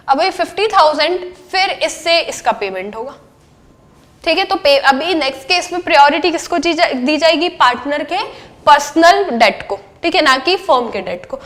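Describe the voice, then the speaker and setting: A woman's voice: high voice, a bit bright. A young woman lecturing on accountancy, mixing English terms into her Hindi and asking her class questions that she answers herself. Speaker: accountancy teacher.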